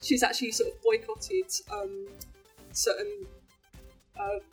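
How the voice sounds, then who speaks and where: A woman's voice: very high-pitched, sing-song, takes it slowly, darkish tone, soft background music. A woman co-hosting a gaming podcast, plain-spoken and firm, who is losing her voice. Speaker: podcast co-host. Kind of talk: casual chat.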